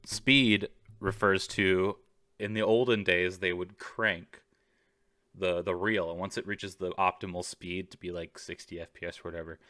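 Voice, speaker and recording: A man's voice: sits low, fairly even intonation, moderate pace, pushed and bright, no room sound, clean studio sound. A man co-hosting a podcast over a video call, chatting casually, joking and swearing freely. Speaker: podcast co-host. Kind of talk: casual chat. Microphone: video call microphone.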